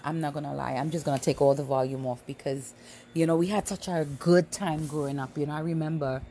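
A Trinidadian woman in her late thirties hosts a livestream, her low, dark-toned voice chatting casually and familiarly as she tells stories. She addresses her viewers often, with background music playing behind her.

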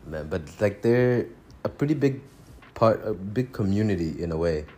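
A man's voice: on the low side, darkish tone. A man from Tanzania co-hosting a casual podcast over a phone, rambling, restarting his sentences and chuckling between thoughts. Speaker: podcast co-host.

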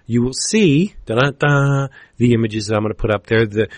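A man co-hosting a comics podcast, retelling a story in a casual, animated way and acting out the characters' lines. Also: medium pitch, moderate pace, dry recording. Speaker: podcast co-host reviewing comics.

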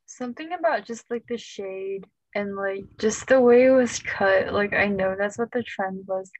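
A woman's voice: mid-range voice, normal speed, no echo. Young woman co-host, chatty and self-mocking. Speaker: podcast co-host. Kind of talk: casual chat. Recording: dull lo-fi sound.

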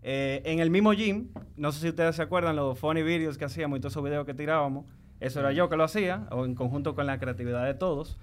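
A man with a Dominican accent and a fairly high, clean, smooth voice talks casually as a guest. He uses lots of street slang and voices bits of quoted dialogue as he tells his stories. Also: quick pace. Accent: Dominican Spanish. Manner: slangy, animated storytelling with acted-out quotes. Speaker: guest, videographer. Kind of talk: casual chat.

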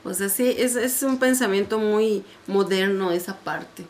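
A woman's voice: medium pitch, measured pace, a little mellow, slight background noise. Affirming woman co-hosting a faith podcast. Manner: affirming, agreeable, chiming in. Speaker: podcast co-host. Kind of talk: faith-based podcast conversation.

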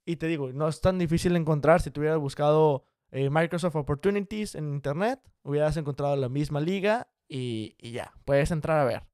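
Young man, direct advice to the viewer, slightly high voice, dry close sound. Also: a little mellow, smooth, dry recording. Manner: direct, brisk and encouraging, addresses the viewer as "you". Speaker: career advice vlogger. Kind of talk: casual explanatory talk to viewers.

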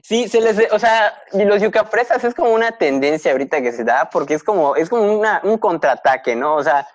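A man's voice: high-pitched, a little fast, no room sound. A young man from Yucatán with a Yucatecan Spanish accent, a guest telling stories in a casual podcast chat, acting out the people he quotes. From Yucatán, Mexico. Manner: animated storyteller, acts out quoted voices.

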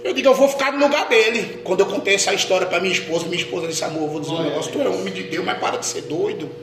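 A man, a pastor, telling a testimony in a sermon, dropping to a hush and rising to shouts. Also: high-pitched, very fast. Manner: dramatic storytelling, swings from hushed to shouting. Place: church hall. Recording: echoey hall with noise.

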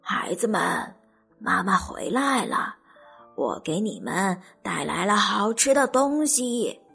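A woman's voice: medium pitch, very animated, slow pace, vocal fry, fairly bright tone, husky, soft background music, heavily acted. A woman voicing a sly wolf who coaxes in a sing-song voice. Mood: coaxing. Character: sly wolf faking a mother's voice.

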